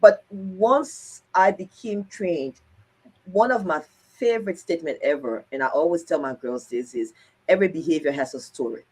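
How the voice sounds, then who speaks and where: Counselor lady, lowish voice, bit husky, calm explainer. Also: moderate pace. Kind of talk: casual conversation.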